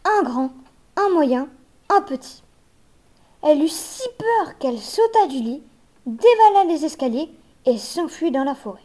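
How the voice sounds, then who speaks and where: A woman reading a children's fairy tale aloud in a gentle, measured way. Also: high voice, very animated. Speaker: narrator.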